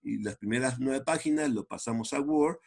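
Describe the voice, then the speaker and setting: A man, chatting his way through a coding demo as an instructor, animated and full of restarts. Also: mid-range voice, normal speed, gravelly, breathy edge. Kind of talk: casual screen-share coding walkthrough.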